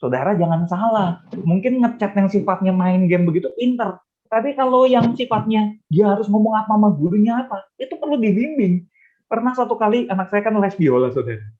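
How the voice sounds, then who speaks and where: A man's voice: high-pitched, animated, brisk. A middle-aged man, a church counselor, answering a question in a webinar by telling stories and often speaking straight to his listeners. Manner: storytelling, often addressing listeners directly. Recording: dull lo-fi webinar audio.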